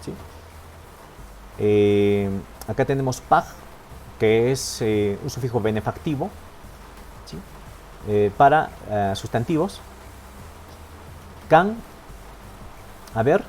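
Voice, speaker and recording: A man's voice: mid-range voice, expressive, slow pace, long pauses, darkish tone, a little hiss or hum. A man teaching a language class online, patient and step by step, often checking in with his students. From Peru. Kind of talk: online lesson, explaining step by step.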